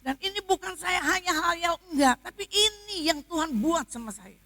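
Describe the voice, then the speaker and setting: A middle-aged woman pastor telling a personal testimony in a church sermon, swinging between loud passages and hushed ones. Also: extremely high pitch, animated, normal speed, vocal fry, no echo.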